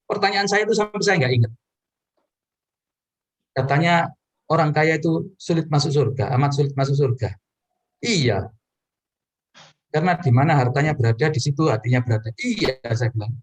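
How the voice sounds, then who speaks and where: A man's voice: expressive, normal speed, long pauses. A man preaching in a personal testimony, telling his story earnestly to the congregation and addressing them directly. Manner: earnest storytelling with sudden pitch rises.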